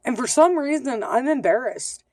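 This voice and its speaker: A woman's voice: sits high, lively intonation, moderate pace, darkish tone, no room sound. A woman in her thirties speaking in a candid, hesitant video diary, full of ums, with a slight lisp. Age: 30s. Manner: hesitant, lots of ums, candid and self-conscious. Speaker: vlogger.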